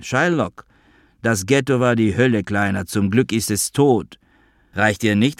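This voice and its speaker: A man's voice: fairly low pitch, dry recording, clean studio sound, natural voice. A man reading the part of a self-important elderly father who was once a double agent, wheedling and boastful.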